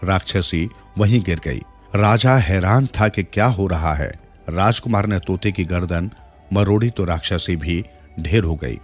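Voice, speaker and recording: Low-voiced male storyteller over soft music. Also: measured pace. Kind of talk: scripted storybook narration with acted dialogue. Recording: soft music bed behind the voice.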